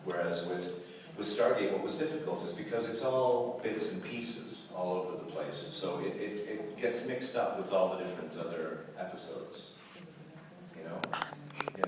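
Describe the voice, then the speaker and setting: Speaking in a low-pitched voice, far from the mic, a Canadian actor on a convention panel rambles through audience questions, laughing frequently and repeating words. The large hall is echoey, and the crowd can be heard.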